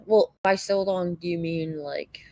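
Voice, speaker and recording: A man's voice: high-pitched, steady tone, normal speed, mellow, no room sound. A man co-hosting a casual live stream, hesitant and full of fillers. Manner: hesitant, full of ums and uhs. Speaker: co-host.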